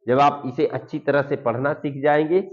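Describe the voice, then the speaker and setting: A man teaching beginners to read, sounding out syllables slowly and repeating each word for the learners. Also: on the high side, fairly even intonation. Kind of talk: slow Hindi reading lesson for beginners. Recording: dull lo-fi recording.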